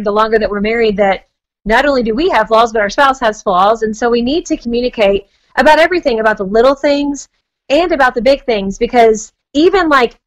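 A woman's voice: fairly high pitch, rough recording. An American woman guest giving conversational advice in an earnest, chatty manner. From United States. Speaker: guest marriage expert.

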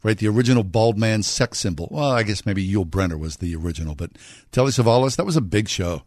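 A man's voice: lowish voice, quick pace, darkish tone, no echo. A man chatting casually as a radio show host in a studio.

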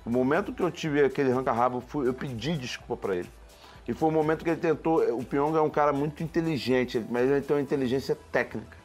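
A man in his forties telling stories in an interview, emphatic and animated, often restarting and acting out the dialogue he quotes. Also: mid-range voice, quick pace, faint music behind. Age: 40s. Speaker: former reality show contestant.

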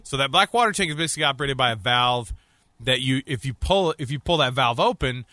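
Bright-toned joking male radio host. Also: mid-range voice, expressive, quick pace, dry recording, studio quality. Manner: joking, laughs often, teasing. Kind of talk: casual radio banter.

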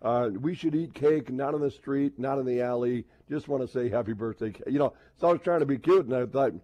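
A man with an American accent hosts laid-back sports radio, chatting and rambling while acting out little quoted exchanges. His voice is mid-range and mellow, and he talks fairly quickly.

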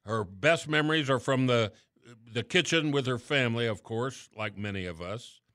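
A middle-aged man hosting a radio talk show, chatting casually and letting his phrases trail off softly. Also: mid-range voice, animated, moderate pace, dry recording, clean studio sound.

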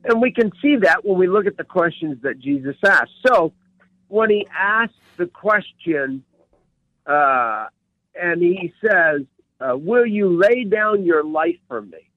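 Male guest, slightly high voice, unhurried, emphatic teacher, dry muffled line. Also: lively intonation, no echo. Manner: emphatic, repeats key words. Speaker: professional coach and ministry director, guest. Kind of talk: radio interview, teaching.

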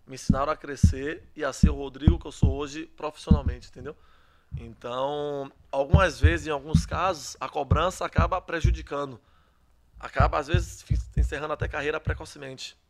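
A man's voice: a little high, fairly even intonation, moderate pace. A young adult man from Salvador, a footballer answering interview questions in a chatty way that often restarts phrases and tags on questions. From Salvador, Bahia, Brazil. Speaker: footballer guest.

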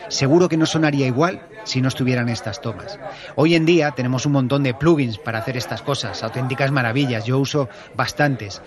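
A man hosts a podcast and answers listener questions about his work as an audio drama director. He talks in a measured, explanatory way, laying out his methods step by step. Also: mid-range voice.

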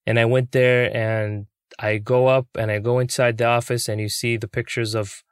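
A young man, a puppeteer, telling his story in an interview, earnest and excitable. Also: medium pitch, normal speed, smooth, dry recording, studio quality. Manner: earnest, excitable, many fillers.

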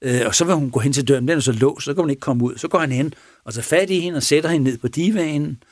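A man who is a police officer, retelling a case in a casual interview, halting with pauses and restarts. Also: on the high side, no echo, studio quality. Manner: halting, with many pauses and restarts, acts out quoted speech. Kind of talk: casual spoken storytelling in an interview.

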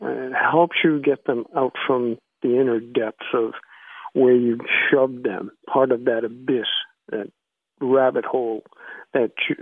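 Male interview guest on a tinny phone line, mid-pitched, measured and halting, reflective. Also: breathy edge, no room sound. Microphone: phone call.

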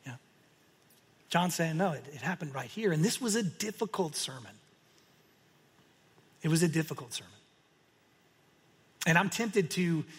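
Male pastor, fairly high husky voice, animated sermon storytelling in a reverberant hall.

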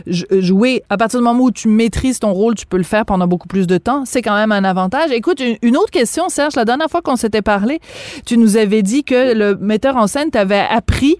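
A woman's voice: a little high, fairly quick, darkish tone, dry recording. Chatty radio host woman. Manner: chatty, encouraging, conversational. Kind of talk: radio interview.

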